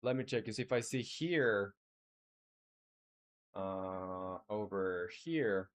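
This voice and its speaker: With a lowish, slow voice, a man from Chile streams himself developing a game, thinking out loud as he codes. He hesitates often, filling gaps and restarting sentences, and gives friendly answers to viewers in this casual chat.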